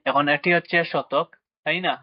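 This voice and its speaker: A man's voice: on the high side, steady tone, normal speed, no echo. A man teaching a maths lesson to children at a board, asking questions and answering them himself. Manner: asks questions and answers them himself, with frequent check-ins. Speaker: math teacher. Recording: dry, dull lo-fi sound.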